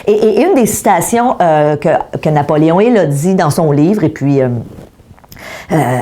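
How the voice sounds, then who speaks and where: With a low, mellow voice, a middle-aged woman speaks in an animated yet unhurried way as she leads an online coaching lesson. The motivational speaker, who has a Québécois French accent, talks straight to her viewers and asks rhetorical questions.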